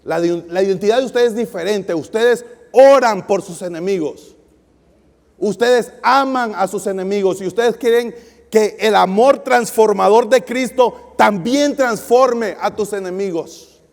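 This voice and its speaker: A male guest pastor preaching a sermon, lively and asking the audience questions. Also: high voice, a little slow, gravelly. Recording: long hall reverb.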